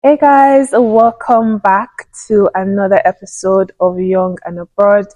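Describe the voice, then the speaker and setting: A woman's voice: medium pitch, steady tone, unhurried, dark tone, no room sound, rough recording. A young woman hosting an interview podcast, upbeat and encouraging, with frequent affirmations. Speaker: podcast host. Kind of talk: casual interview chat.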